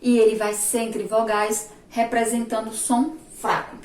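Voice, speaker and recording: A fairly high-voiced Brazilian woman teaching young children over a remote class, recorded from across an echoey room. She speaks patiently and draws words out slowly, syllable by syllable. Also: flat delivery, a little mellow, recorded from a distance, slight background noise. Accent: Sergipe Brazilian Portuguese. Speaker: primary school teacher. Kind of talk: remote class lesson at a board.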